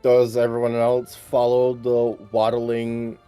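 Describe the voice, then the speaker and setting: A man's voice: mid-range voice, monotone, takes it slowly, mellow, smooth, faint music behind. A man running a tabletop game, narrating actions and trading crude jokes with the players. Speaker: game master. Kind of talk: casual tabletop game chat.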